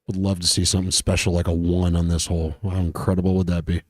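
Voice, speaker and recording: A man's voice: low voice, flat delivery, fast talker, no room sound. A man working as a golf commentator, talking through a match conversationally and offering his own advice and opinions.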